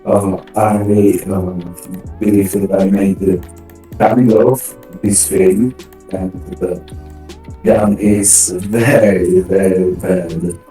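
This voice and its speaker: Man on a voice changer, very slow hesitant talk, dark muffled tone, roomy echo. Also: deep voice, fairly even intonation, faint music behind. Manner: hesitant, halting with fillers. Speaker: game developer.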